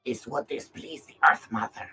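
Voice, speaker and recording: A man's voice: mid-range voice, expressive, normal speed, pushed and bright, recorded from a distance, faint music behind. A man voicing a small, wary goblin girl in a tabletop game, devout and forbidding, speaking in terse sentences. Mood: suspicious, forbidding. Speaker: game master voicing a character.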